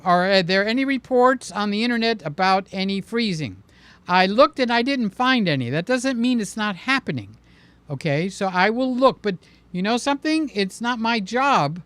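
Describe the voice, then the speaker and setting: A man with a high, slightly bright and smooth voice hosts a casual live stream, answering viewers. He is emphatic, closing his points with a repeated "okay?". The mic sits in front of him, and the recording is dry.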